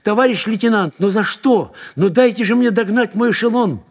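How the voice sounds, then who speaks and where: An anxious older civilian pleads, his voice climbing high and loud into anguished cries. A man reading the story aloud acts him out. His pitch swings widely. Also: sing-song, a little fast, slightly rough, long reverb tail. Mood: desperate.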